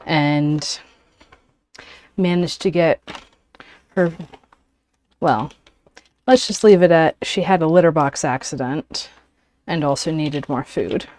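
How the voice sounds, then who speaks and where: A woman hosting a casual livestream, chatting with pauses as she works and sounding a little out of breath. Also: deep voice, steady tone, a little mellow. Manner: unhurried, talks while working with frequent pauses. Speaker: origami livestream host. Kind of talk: casual livestream chat while folding.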